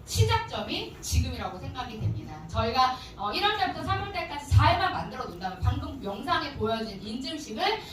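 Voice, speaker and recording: A woman's voice: high voice, brisk, few pauses, slight background noise. A woman giving a motivational business lecture who often puts questions straight to her audience. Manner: animated, addresses audience directly with questions. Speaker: business seminar speaker. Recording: echoey hall from far off with music.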